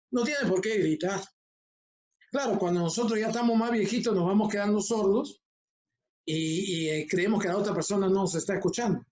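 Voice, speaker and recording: An older man, a homiletics professor, teaching an online class in a calm, conversational way, speaking from a short distance to a laptop mic. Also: high-pitched.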